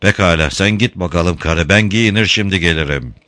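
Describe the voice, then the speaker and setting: A man's voice: deep voice, moderate pace, pushed and bright, dry recording. A man voicing a grumpy, curt city man woken from sleep in a read-aloud story. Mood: surly.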